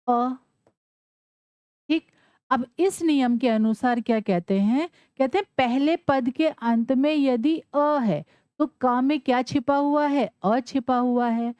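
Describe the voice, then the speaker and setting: A woman's voice: on the high side, darkish tone, dry recording. A woman teaching Sanskrit grammar, asking questions and answering them herself. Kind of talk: classroom lesson explanation.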